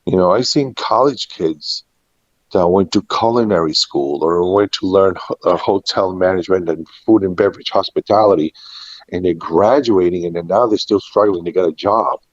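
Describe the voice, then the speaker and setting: This interview features a middle-aged man with a deep voice at a moderate pace, drawing on his years in restaurants and catering. Casual and reflective, he tells anecdotes and often repeats old conversations. Recorded in a room, the audio is muffled with echo.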